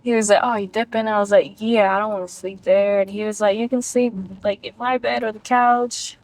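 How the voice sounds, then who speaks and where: A woman's voice: medium pitch, steady tone, brisk, a little mellow, no room sound. Blunt, profane woman telling a story. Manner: blunt and profane, acts out quoted lines. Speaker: guest storyteller. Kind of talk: casual storytelling chat.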